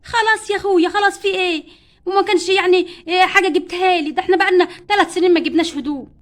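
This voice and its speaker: Wife doll, Egyptian Arabic accent, scolding, very high pitch, rapid speech, doll play story. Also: female voice, fairly bright tone. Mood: bickering. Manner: pleading, scolding her husband. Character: spendthrift wife doll who loves dresses.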